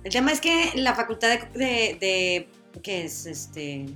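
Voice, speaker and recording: A woman's voice: mid-range voice, big pitch swings, a little slow, bright, forceful tone, faint music behind. A woman in her forties with a northern Mexican accent, co-hosting a casual chat, playful and teasing. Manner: playful, teasing, laughs often. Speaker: podcast co-host.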